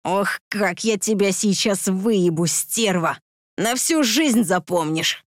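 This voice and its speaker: A man's voice: high-pitched, slow pace, dry recording, clean studio sound. A man voicing a drunk, vile man who growls and lisps in an audiobook. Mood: drunken. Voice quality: lisping, growled.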